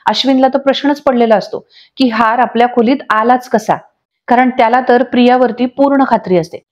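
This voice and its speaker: A woman's voice: on the high side, fairly quick, lo-fi sound. Woman narrating a serial recap. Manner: steady storytelling, reads dialogue aloud. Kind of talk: scripted Marathi episode recap narration. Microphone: voice-over.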